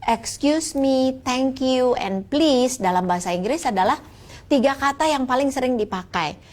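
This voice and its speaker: A woman teaching English in a live-stream lesson, explaining patiently and reading English example sentences slowly. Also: high voice, lively intonation, a little mellow.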